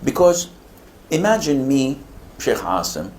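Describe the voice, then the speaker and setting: A man's voice: medium pitch, big pitch swings, unhurried, a little mellow, slight background noise. An older man from Saudi Arabia, an Islamic preacher answering audience questions with humor, now and then acting out other people's voices. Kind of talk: lecture Q&A.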